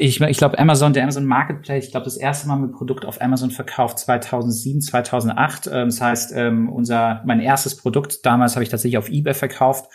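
A man in his thirties, raised in Berlin, talking about his company in a casual interview, with many hesitations and restarts. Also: mid-range voice. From born in Ukraine, raised in Berlin. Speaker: company founder, guest.

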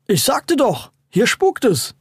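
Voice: medium pitch, wildly swooping pitch, slow, slightly rough, no echo, clean studio sound, pitched above the performer's own voice, exaggerated voice. A narrator voicing a young boy, a prankster brother who cries out in overacted panic. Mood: indignant.

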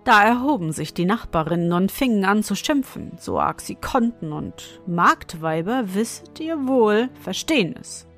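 A woman reading a fairy tale aloud in a calm, measured way. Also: medium pitch. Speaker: storyteller. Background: soft music.

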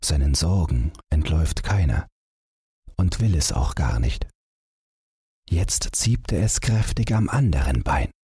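A man reading a bedtime story aloud in a calm, expressive storytelling manner. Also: a bass voice, slow, slightly rough, dry recording, clean studio sound. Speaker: audiobook reader.

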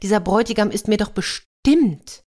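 A woman's voice: mid-range voice, moderate pace, a little mellow, pitched above the performer's own voice, lightly acted. A woman voicing a determined young tsar's daughter in a storybook tale, speaking earnestly.

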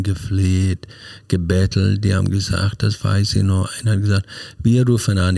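Low, gravelly man from Scotland. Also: darkish tone, no echo, studio quality. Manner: earnest, halting storytelling in non-native German. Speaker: podcast guest. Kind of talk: personal life story in an interview.

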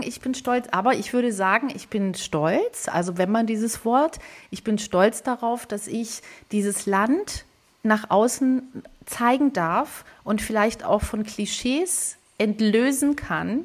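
A woman of Greek background, co-hosting a podcast, talks casually and thinks out loud with many restarts and quick laughs. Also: a little high. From Greek family background. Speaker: podcast co-host. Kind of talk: casual conversation.

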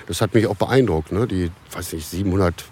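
A German musician in his fifties appears as a guest in a casual podcast conversation, telling stories in a relaxed way with many restarts and fillers. His voice is low-pitched and fairly quick, with a breathy edge.

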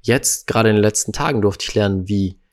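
Tiefer Mann im ernsten Gespräch. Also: male voice, fairly low pitch, brisk. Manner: earnest, emphatic, acts out quotes. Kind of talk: casual reflective conversation.

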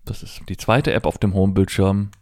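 This presenter shows off assistive technology in a hands-on demo, explaining casually one step at a time and musing aloud as he works. His voice is low and a little mellow, with fairly even intonation and a fairly quick pace.

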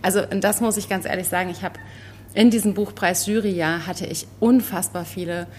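A woman from eastern Germany co-hosting a literary podcast, talking in an animated, emphatic way and often searching for words. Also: on the low side, a little fast, a little hiss or hum. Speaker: podcast co-host. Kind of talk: casual book discussion.

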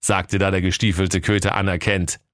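A man narrating a comic fairy tale in a deadpan storytelling manner. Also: deep voice, normal speed, no echo, studio quality.

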